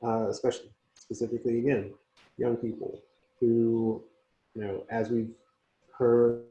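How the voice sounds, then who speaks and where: A man speaks over a conference call line that sounds dull and muffled, with a roomy echo around his voice. His delivery is slow and halting, with many pauses, and his tone is mellow and soft-edged. The call audio keeps breaking up. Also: mid-range voice, level tone. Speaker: community organizer. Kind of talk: speaking as a guest on a panel.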